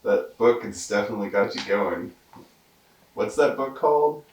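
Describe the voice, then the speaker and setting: A woman's voice: very deep voice, expressive, moderate pace, darkish tone. A woman chatting casually and encouragingly during a craft activity. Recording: roomy, distant mic, faint noise.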